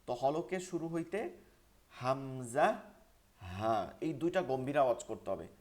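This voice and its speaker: A man's voice: on the high side, sing-song, a little fast, a little mellow. A man with a Bangladeshi Bengali accent teaching Quran pronunciation in an online class, repeating sounds for students to follow. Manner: repetitive drilling, call-and-response recitation. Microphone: online class microphone.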